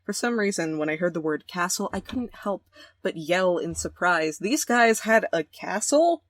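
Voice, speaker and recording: A woman's voice: fairly low pitch, expressive, normal speed, no room sound. A young woman playing a romance game, reading the story aloud and joking in slang. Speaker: let's play host. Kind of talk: game let's play, narration with commentary.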